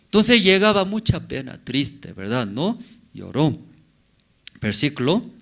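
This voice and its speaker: A man preaching a sermon as pastor, in halting non-native Spanish with broken grammar, often asking the congregation questions. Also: fairly high pitch, very animated, gravelly, fairly bright tone. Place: church service.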